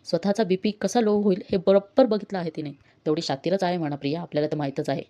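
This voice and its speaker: A woman's voice: on the low side, steady tone, quick pace, dark tone, close to an everyday voice. A woman voicing a spiteful young woman who mocks, read in her own voice. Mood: scornful.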